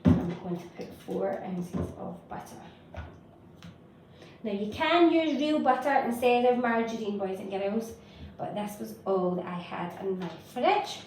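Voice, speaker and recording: A woman with a medium-pitched, darkish voice hosts a children's baking show in an indoor home kitchen, giving simple, encouraging step-by-step instructions at a measured pace. The distant mic picks up an echoey, noisy room with utensils clattering.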